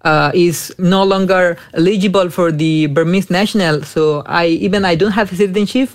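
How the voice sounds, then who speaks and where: A young man from Myanmar answering interview questions earnestly, with halting phrasing and a pleading tone. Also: high voice, fairly even intonation. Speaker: interview guest, student.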